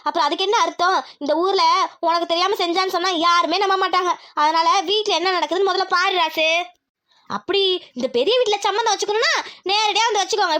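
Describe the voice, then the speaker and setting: Woman as snooty rich lady, very high, fast, taunting. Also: a bit bright. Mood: scornful. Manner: taunting, scornful.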